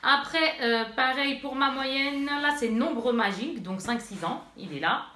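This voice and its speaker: Bright, chatty woman in an echoey room. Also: high voice, a little slow, slight background noise. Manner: chatty, rambling, speaks straight to viewers. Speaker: mother unboxing purchases. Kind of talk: casual unboxing vlog. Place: bedroom.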